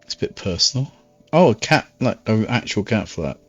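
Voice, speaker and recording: A man's voice: lowish voice, expressive, moderate pace, dry recording, soft background music. A man streaming a game, rambling and dry, with self-mocking asides. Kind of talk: live game-stream commentary. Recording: dull, dry stream audio.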